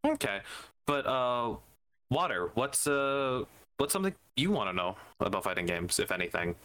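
A man's voice: medium pitch, big pitch swings, normal speed, bright, forceful tone, low-quality recording. A man co-hosting a casual group chat, joking and laughing often, trailing off with fillers. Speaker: podcast co-host.

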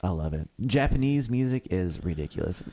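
A man's voice: low-pitched, animated, fairly quick, mellow. A man in his early thirties from Kentucky, a guest musician talking in a laid-back way, full of "like" and "uh". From Kentucky, USA. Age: 30s. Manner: laid-back, leans on "like" and "uh" a lot. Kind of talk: casual interview chat.

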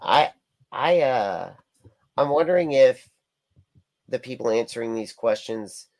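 A man's voice: mid-range voice, animated, vocal fry, a little mellow. A man, a pastor, talking earnestly in a casual church podcast over a remote mic that keeps cutting in and out. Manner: earnest, halting with restarts. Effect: mic cutting in and out on a remote call.

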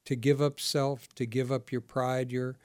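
A man who pastors and hosts a faith talk show speaks in a chatty, storytelling way, laughing often. His pitch sits mid-range, and the sound is dry and close. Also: level tone, unhurried, darkish tone, no room sound. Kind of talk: casual ministry interview.

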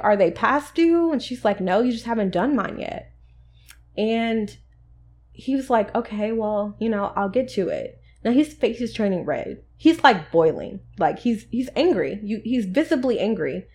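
A young adult woman hosting a podcast, telling workplace stories in a casual, conversational way and acting out the quoted lines. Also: mid-range voice. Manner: conversational, animated, acts out quoted dialogue. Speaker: podcast host. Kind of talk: casual storytelling monologue.

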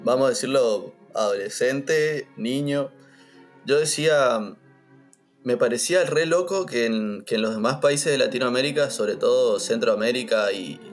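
A man from Argentina with an Argentine accent, chatting casually as a guest and telling relaxed stories. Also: medium pitch, normal speed, soft background music. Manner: relaxed storytelling, uses boludo and vos. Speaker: podcast guest. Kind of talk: casual chat.

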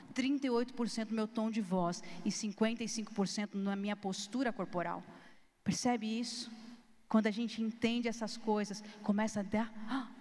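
A woman teaching a recorded video lesson, emphatic and animated, often shifting her tone to demonstrate a point and talking to viewers directly in casual slang. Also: mid-range voice. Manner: lively, emphatic, changes tone and pace often to demonstrate. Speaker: youth ministry teacher. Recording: long reverb, hall-like.

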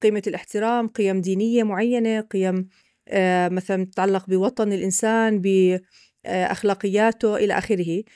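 A woman's voice: mid-range voice, fairly even intonation, fast, warm tone, smooth, no room sound, clean studio sound. A woman with a Levantine Arabic accent, patiently explaining ideas with examples as a guest expert on a podcast.

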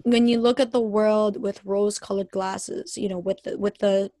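A woman's voice: medium pitch, steady tone, normal speed, warm tone, dry recording, studio quality. A woman hosting a casual podcast, reflective and guiding the talk with questions. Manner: reflective, steers the conversation with questions. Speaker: podcast host. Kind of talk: casual chat.

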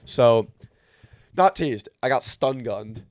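A man's voice: mid-range voice, animated, slow, darkish tone, dry recording. Joking young man chatting, dry close sound. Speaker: podcast host. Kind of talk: casual chat.

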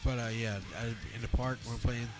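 This man in his thirties talks fast in an easygoing, laid-back way. His voice sits at a middle pitch. Music plays clearly behind him. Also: level tone. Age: 30s. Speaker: band member. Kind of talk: casual chat.

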